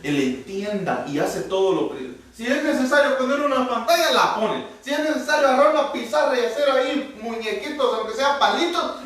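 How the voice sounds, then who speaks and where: Lively high-voiced preacher in echoey hall. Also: male voice. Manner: animated preaching, acting out Bible dialogue. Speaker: pastor. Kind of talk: sermon. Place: church hall. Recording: echoey church hall, distant mic.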